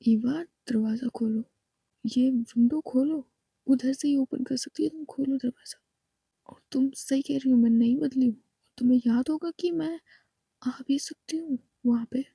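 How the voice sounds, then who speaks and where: A woman voicing a controlling, threatening young wife who issues loud demands in a low, pushed voice, in a storybook reading. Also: a little slow, vocal fry, breathy edge, no room sound, heavily acted. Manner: menacing, commanding, raised voice.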